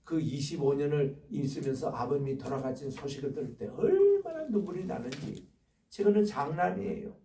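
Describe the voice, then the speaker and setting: Gravelly older pastor preaching in echoey church. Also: male voice, a little high, very animated, fairly quick, slight background noise. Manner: storytelling, emotional swings from hushed to loud. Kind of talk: sermon. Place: church sanctuary. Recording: echoey church room from far off.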